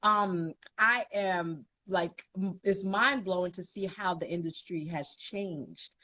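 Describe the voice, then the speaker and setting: A sassy, emphatic woman in her forties with a Brooklyn accent talks as a guest in a casual interview. Her voice is husky and a little breathy. The sound is dry and close. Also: fairly low pitch, takes it slowly, bright, forceful tone, no echo. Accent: Brooklyn New York. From Bed-Stuy, Brooklyn, USA. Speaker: guest, plus-size model.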